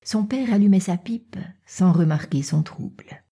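A woman reading a classic novel aloud as an audiobook narrator, softly and at times half-whispered. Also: fairly low pitch, a little slow, slightly rough. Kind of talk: scripted narration.

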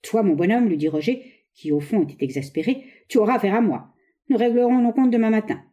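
A woman's voice: mid-range voice, a little fast, dark tone, pitched above the performer's own voice, close to an everyday voice. A woman reading aloud, voicing an exasperated husband, a naturalist, in a plain, impatient way.

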